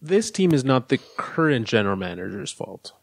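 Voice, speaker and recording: A man's voice: medium pitch, big pitch swings, moderate pace, vocal fry, slightly rough. A man co-hosting a casual sports podcast, laying out his arguments step by step. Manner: analytical, lays out arguments step by step. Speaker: podcast co-host.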